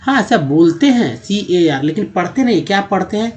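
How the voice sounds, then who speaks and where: A man's voice: high-pitched, sing-song, moderate pace, darkish tone, highs cut off. A man, teaching a spoken English lesson for his channel. He explains step by step, repeats himself and checks in with the viewer.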